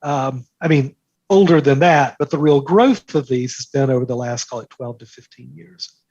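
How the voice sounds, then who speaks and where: Husky and darkish in tone, this mid-range male voice moves at a moderate pace. He's a markets newsletter author appearing as an interview guest, making his points emphatically in a conversational way and repeating phrases for effect, captured on a dry, muffled recording.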